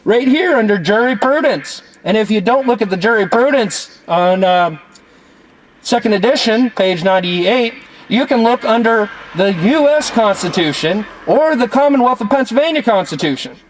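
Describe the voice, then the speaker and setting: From a parked car at night outside a city building, an American activist vlogger delivers a declamatory, legalistic protest speech through a megaphone. His voice is high and animated at normal speed, and the recording is rough.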